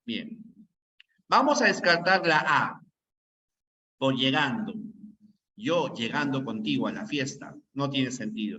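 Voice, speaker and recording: A man's voice: medium pitch, sharp tone, dull audio. A man teaching an online grammar class, quizzing students with rhetorical questions. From Peru.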